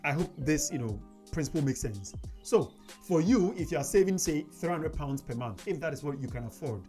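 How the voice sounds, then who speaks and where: A man's voice: fairly high pitch, lively intonation, brisk, warm tone. A man hosting a personal finance video, talking casually to camera with frequent "you know" fillers. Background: faint background music.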